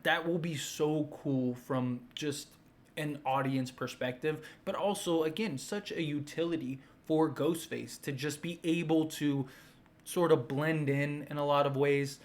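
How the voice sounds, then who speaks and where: A man with a fairly high-pitched voice gives casual, unscripted opinion commentary as a fan host. He sounds enthusiastic and emphatic, rambling and circling back to his points.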